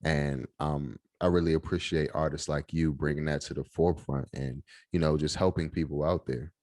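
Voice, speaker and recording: A man from Washington, D.C. hosting a podcast, speaking in an unhurried, supportive way with many pauses. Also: rumbling low, steady tone, a little mellow, no room sound, clean studio sound. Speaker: podcast host. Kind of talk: casual interview chat.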